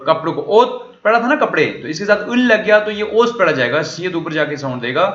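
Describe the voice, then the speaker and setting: A man lectures with a high, bright voice, walking through a dialogue line by line. He keeps posing questions and answering them himself. The recording is roomy and somewhat muffled. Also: lively intonation, a little fast. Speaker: language teacher. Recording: echoey room, dull lo-fi sound.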